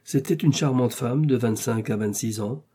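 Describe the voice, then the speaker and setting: Mellow-voiced male audiobook narrator. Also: mid-range voice, breathy edge. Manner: measured, steady storytelling. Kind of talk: scripted literary narration.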